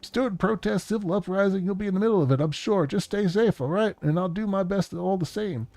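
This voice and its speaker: A man doing a jittery, high, breathless video-message man. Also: a little fast, darkish tone, no echo. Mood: urgent. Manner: breathless, urgent, words tumbling out.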